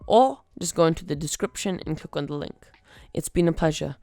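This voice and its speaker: A podcast host reads stories from the web with a wry, chatty delivery. The voice has a gravelly grain but a smooth, clear tone, recorded close and dry. A faint bed of music sits underneath. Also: mid-range voice, lively intonation, fairly quick, darkish tone, no room sound. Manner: wry, conversational narration. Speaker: podcast host reading online posts. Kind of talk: story reading.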